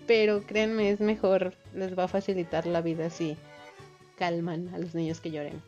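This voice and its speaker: A woman's voice: lowish voice, level tone, a little slow, darkish tone. A young woman with a Mexican accent, casually telling a story to her viewers, swearing and laughing as she goes. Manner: chatty, swears casually, laughs often, acts out voices. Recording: slightly muffled lo-fi recording with faint music.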